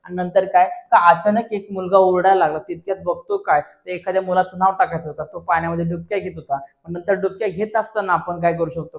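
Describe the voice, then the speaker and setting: A man's voice: sits high, creaky, dull audio. A man teacher with a Marathi accent explaining an exam paper step by step, repeatedly asking and answering his own questions. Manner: repeats questions back, addresses friends.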